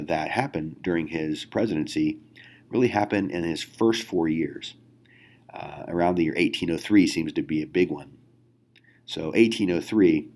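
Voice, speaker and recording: Low-voiced man giving a history lesson. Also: a little mellow. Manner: conversational, many fillers, rhetorical questions. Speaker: history teacher. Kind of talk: recorded classroom lecture.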